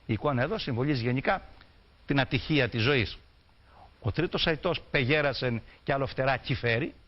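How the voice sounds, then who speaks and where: A man giving an explanatory lecture on folk songs, reciting dialect verses and then explaining them plainly. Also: medium pitch. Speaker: folklore lecturer. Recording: dull lo-fi recording.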